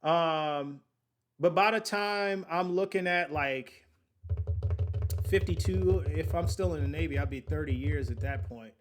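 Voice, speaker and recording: A man in his late thirties hosts a laid-back podcast about investing. His voice sits somewhat higher than most men's, and he talks to his listeners in a chatty, slangy way. He keeps working out the numbers aloud as he goes. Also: measured pace. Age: late 30s. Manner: chatty, thinks aloud while working sums; slangy, addresses listeners as y'all. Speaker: podcast host. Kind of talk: casual investing talk.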